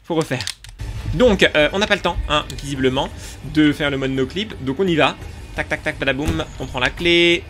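A man giving excitable let's play commentary, talking to his viewers as he plays, with sudden yelps. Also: normal speed, soft background music. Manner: excitable, talks to viewers while playing; sudden yelps and jumps in pitch. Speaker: gaming YouTuber.

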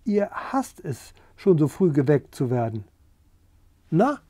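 A man's voice: on the high side, big pitch swings, slow pace, dark tone, dry recording, full character voice. A man voicing a boastful, eager young rooster in a storybook reading, talking in a pushy, wheedling way.

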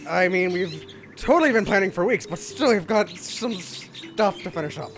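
A woman playing a male monster king in a fan audio drama, bossy yet awkwardly tender, blustering and sometimes halting shyly. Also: on the low side, expressive, a little hiss or hum. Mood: nervous. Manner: blustering, halting when shy.

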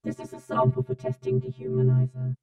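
A woman reads a scripted test sample in short, deliberate statements, her voice run through a robotic vocoder or ring modulator effect. Soft music plays in the background, and the recording sounds muffled.

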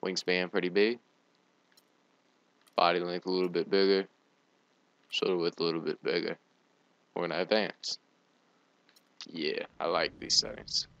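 A man's voice: sits low, flat delivery, unhurried, gravelly, pauses often, a bit bright, no echo, highs cut off. A young man giving casual let's play commentary on a video game. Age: young adult. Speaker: gaming video host.

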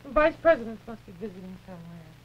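A man voicing a gentle, sensible small male puppet on a 1950s live TV puppet show, patient and mildly exasperated. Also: high voice, animated, fast talker, slightly rough. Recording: dull early-1950s TV audio, faint hiss.

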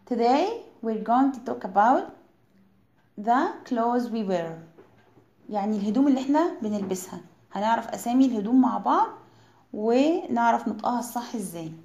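A woman with an Egyptian accent teaching English words to children, saying each word slowly and repeating it for pronunciation. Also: on the high side, lively intonation, vocal fry, dark tone, echoey room, dull audio. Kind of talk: slow vocabulary lesson for children.

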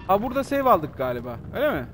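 A man's voice: high-pitched, very fast, music in the background. A man streaming a horror game live, joking, swearing and chatting with his viewers as he plays. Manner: excitable, joking, swears freely, talks to chat. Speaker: gaming streamer. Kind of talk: live gameplay commentary.

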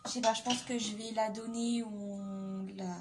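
A woman's voice: mid-range voice, flat delivery, unhurried, heavy background noise. A young woman casually reviewing nail polish in a vlog, hesitant and full of fillers and repeats. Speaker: beauty vlogger.

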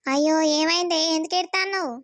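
Cartoon role: tearful middle-aged village mother, put on by a woman, Telangana Telugu accent, high wailing lines. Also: quick pace, fairly bright tone, no room sound. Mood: weeping. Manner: high, wailing, sobbing delivery.

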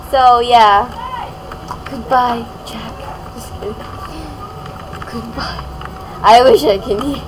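A woman's voice: fairly high pitch, animated, very slow, long pauses, noisy background. A young woman hosting a gaming channel, giving casual, playful gameplay commentary and laughing often.

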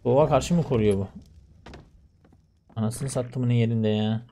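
A young man commentating his own gameplay, shouting in exasperation at losses and muttering to himself in quieter stretches. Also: medium pitch, a little slow, slight background noise. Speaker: gaming YouTuber.

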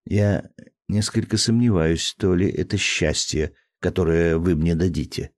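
A man's voice: deep voice, a little slow, no echo. A man voicing a spirited young noblewoman in an audiobook, teasing in one scene and cold and firm in another. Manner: lightly mocking, then cold and firm.

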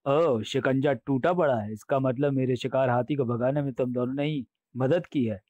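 A gloating, menacing demon from a comic storybook booms his threats and teases the readers between chants, as a man acts him out. The recording is dry and close, with no room around the voice. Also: normal speed, a little mellow, no echo, highs cut off, close to an everyday voice. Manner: booming laughs, sing-song chants, teasing asides to readers. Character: boastful male demon, gleeful and menacing. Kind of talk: comic audiobook voice acting.

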